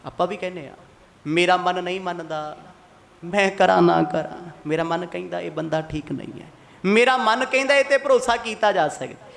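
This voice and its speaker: A high-pitched man preaching a Sikh katha sermon to a congregation. He is from Mohali in Punjab. He keeps putting pointed questions to his listeners and slips into the voices of the people he quotes. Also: normal speed, creaky, fairly bright tone. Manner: asks the congregation rhetorical questions and acts out quoted speech.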